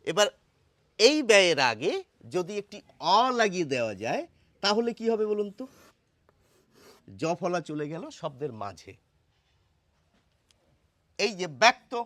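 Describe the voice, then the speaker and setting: A man's voice: high-pitched, a bit bright, no room sound. A man teaching a pronunciation lesson at a blackboard, explaining step by step and putting questions to the viewer. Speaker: Bengali language teacher.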